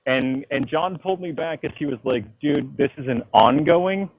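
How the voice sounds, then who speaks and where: A crowd murmurs in the background of this phone interview, where a man with a slightly high, creaky voice speaks at an ordinary pace. As a comic book writer discussing his own work, he tells animated stories full of slang and swearing.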